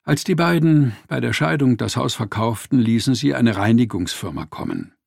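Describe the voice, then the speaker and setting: A man tells a story in scripted narration, expressive with a wry edge. His voice is gravelly and husky, and his pitch moves animatedly through each sentence. The recording is dry, with no room sound. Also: moderate pace, dry recording.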